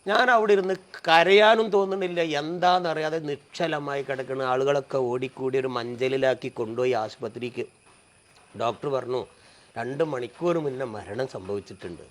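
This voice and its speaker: A man, telling a personal story with earnest, rising and falling emotion. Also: medium pitch.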